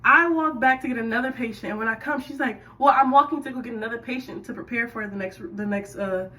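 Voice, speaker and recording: A young woman in the military telling a casual work story while doing her hair, chatty and animated with sudden loud bursts. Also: fairly high pitch, fast talker, far from the mic, poor audio.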